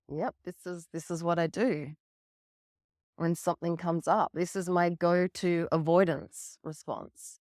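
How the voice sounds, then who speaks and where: A woman delivers a coaching talk on emotional self-care in an unhurried, deliberate way. Her voice sits a little low and she keeps an earnest tone, with the odd casual swear. The sound is dry and close, with no room around it. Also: smooth, no room sound. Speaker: relationship coach.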